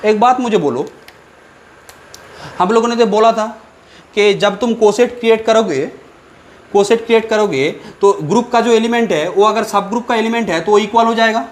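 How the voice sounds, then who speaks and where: High-voiced man teaching maths. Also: normal speed, slight background noise. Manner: repetitive, asks students questions, thinks aloud with fillers. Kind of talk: whiteboard lecture.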